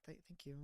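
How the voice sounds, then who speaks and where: A man in his mid-twenties, a streamer and animator, chats casually and rambles, laughing often as he reads his chat. His voice has a darkish tone, and there's no room sound.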